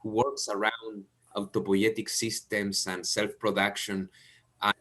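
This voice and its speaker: A man from Chile hosts an online seminar in a halting manner, with audio cutting out and uneven volume on a close headset mic. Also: fairly low pitch, flat delivery, fairly bright tone. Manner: halting, restarts words often. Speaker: seminar host. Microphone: headset mic close to the mouth.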